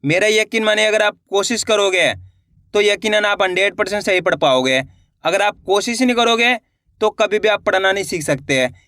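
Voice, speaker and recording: A man's voice: sits high, normal speed, pushed and bright, no room sound, clean studio sound. A man teaching Hindi reading online, sounding out each syllable before blending it into the word and checking that viewers follow. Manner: spells words out syllable by syllable, then blends them; coaxing, checks understanding with the viewers.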